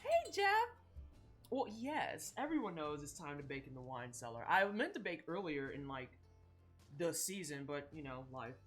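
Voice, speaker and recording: A woman streaming while she bakes, telling stories in a profane, animated, chatty way. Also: low voice, normal speed, soft background music. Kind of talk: casual live-stream chat while baking. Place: home kitchen.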